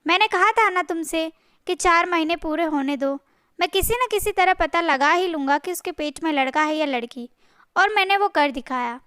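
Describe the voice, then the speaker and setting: A woman's voice: very high-pitched, normal speed, pushed and bright, dry recording, clean studio sound. A woman voicing a cold scheming man. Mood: menacing. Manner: cold, threatening, menacing. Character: scheming cruel man, elder brother-in-law.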